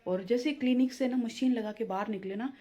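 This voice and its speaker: A woman's voice: on the high side, fairly quick, warm tone. A woman telling a home story in a chatty, homely way as a vlogger. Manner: chatty and homely, peppering speech with "na" and "matlab". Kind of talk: casual storytelling vlog.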